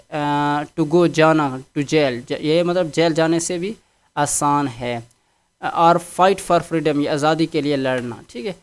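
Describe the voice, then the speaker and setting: A man teaching English, going through a text line by line and patiently repeating each meaning. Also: fairly high pitch.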